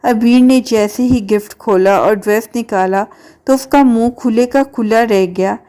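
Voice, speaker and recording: A woman narrating a romance novel in a steady, even storytelling manner. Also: a little high.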